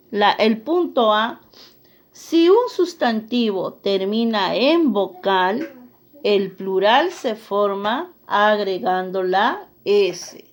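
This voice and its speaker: Slow, deliberate woman teaching grammar. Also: medium pitch. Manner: slow, deliberate, checks in with listeners. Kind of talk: grammar lesson, reading rules and examples.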